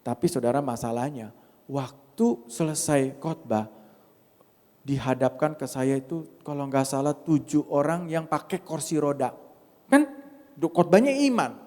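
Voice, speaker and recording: A man preaching to a congregation, weaving personal testimony into the sermon with animated storytelling and frequent direct address to his listeners. His voice sits somewhat high. It rings with the long reverb of a large church hall. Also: measured pace.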